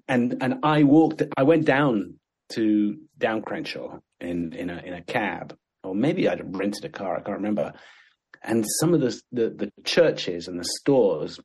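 A man's voice: on the low side, a little mellow, breathy edge. An older man from Sudan, reminiscing in a casual chat with many restarts and frequent laughter. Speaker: actor and guest.

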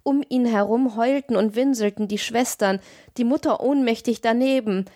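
A woman narrating a literary tale in a measured, expressive audiobook reading. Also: a little high, no echo, studio quality.

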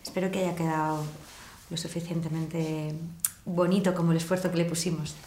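A woman talks about her work in a relaxed, lively interview, laughing easily and restarting her sentences as she thinks aloud. Her voice sits a little low. The room around her gives a clear echo. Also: fairly quick, slight background noise. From Murcia. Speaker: actress in a series interview. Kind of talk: casual interview talk.

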